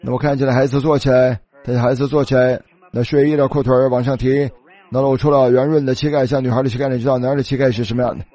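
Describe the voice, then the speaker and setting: A man's voice: mid-range voice, little pitch movement, quick pace, dark tone. A man preaching a sermon, telling a story and starting many phrases with a filler. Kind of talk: sermon storytelling in Chinese voice-over.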